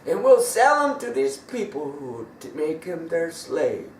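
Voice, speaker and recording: A man's voice: a little high, big pitch swings, a little slow, slight background noise. A man voicing a cautious brother who urgently protests and pleads, recorded from a distance in an echoey room. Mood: pleading.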